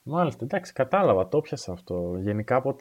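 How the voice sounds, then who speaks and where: A man's voice: mid-range voice, very animated. A man co-hosting a podcast in casual chat, with teasing, playful banter. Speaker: podcast co-host.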